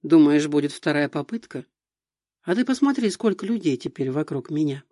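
A man voicing a kind, earnest older teacher, speaking gently in an audiobook. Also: a little high, expressive, moderate pace, no echo, clean studio sound. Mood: gentle.

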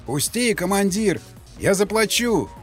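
A panicked crime boss shouts and pleads his way forward, as a male reader puts him on. His voice rides high and strained as he bargains and offers bribes. It is an audiobook scene with faint music underneath. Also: expressive, normal speed. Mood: frantic pleading.

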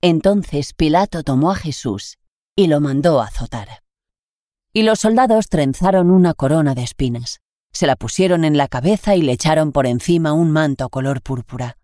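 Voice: mid-range voice, animated, moderate pace, warm tone, dry recording. Spain Spanish scripture reader, dry sound. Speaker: Gospel reader. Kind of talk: scripture reading.

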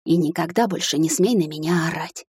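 A woman voicing a spirited, quick-tempered young woman in love, who speaks in an emotional, sharp way. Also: deep voice, husky, no room sound, studio quality.

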